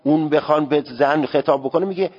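A man's voice: a little high, a little mellow. A man teaching a seminary class on religious law, speaking emphatically and sounding out Arabic words to show how they should be said. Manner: emphatic, demonstrates Arabic pronunciation aloud. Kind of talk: religious law lecture to students. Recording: dull lo-fi recording with long hall reverb.

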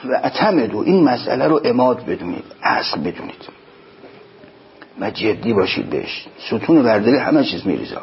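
A man giving a sermon, explaining in plain speech and slowing down to chant quoted lines. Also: medium pitch, sing-song, a little hiss or hum. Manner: slow chanted quotations, emphatic explanations. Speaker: preacher. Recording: dull lo-fi recording.

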